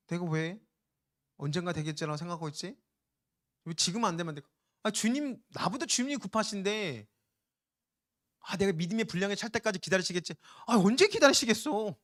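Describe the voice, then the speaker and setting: A male pastor delivers a sermon in a high, bright voice at a rapid clip. He preaches with urgent emphasis and sometimes slips into slow, lazy voices to act out the people he quotes.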